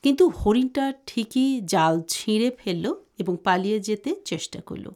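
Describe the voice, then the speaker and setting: A woman co-hosting a radio program and narrating a folktale in a steady, even voice. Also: medium pitch, unhurried. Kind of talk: storytelling narration.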